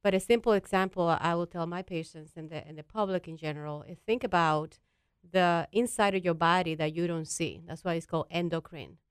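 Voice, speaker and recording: A woman's voice: lowish voice, a little fast, clean tone, dry recording. A woman from the Dominican Republic, a doctor explaining things patiently, step by step, as a guest on a talk show. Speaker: endocrinologist guest.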